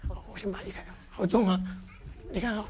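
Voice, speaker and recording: A woman leading a lively, interactive church teaching, constantly asking the audience questions and acting out examples. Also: mid-range voice, fast. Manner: lively, with playful demonstrations.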